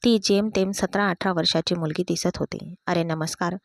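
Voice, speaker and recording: A woman narrating a storybook tale in an even, steady reading. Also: lowish voice, normal speed, vocal fry, no room sound, clean studio sound.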